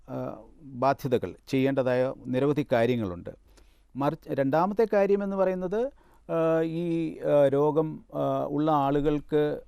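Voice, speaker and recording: Measured gravelly-voiced male doctor. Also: medium pitch, warm tone, no room sound, clean studio sound. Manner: slow and measured, many hesitant fillers. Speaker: doctor answering viewer calls. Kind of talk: TV health phone-in.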